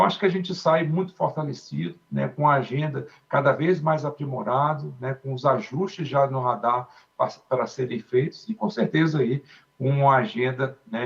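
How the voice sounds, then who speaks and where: A Brazilian man takes his turn on a conference panel, walking the audience through the points in a patient, explanatory way. His voice has a gravelly, fry-edged texture and sits at an ordinary pitch. The recording is muffled and a little lo-fi. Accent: Brazilian Portuguese. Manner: explanatory, often tags sentences with "né". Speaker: industry panelist. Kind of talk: panel discussion.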